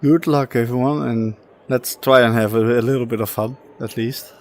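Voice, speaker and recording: A man's voice: mid-range voice, steady tone, normal speed. A man organizing a sim racing league race, chatting casually in voice chat with hesitant fillers.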